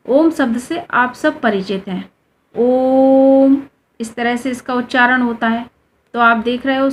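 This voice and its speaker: Her voice is a bit high, and there's a slight hiss or hum in the recording. Explaining a lesson to her students, the teacher patiently asks questions and then answers them herself, drawing out vowels to show their sounds.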